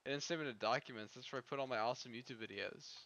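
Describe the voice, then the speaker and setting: A man live-streaming a game, talking to his chat in a rambling, profane, excitable way. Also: medium pitch, very fast, highs cut off.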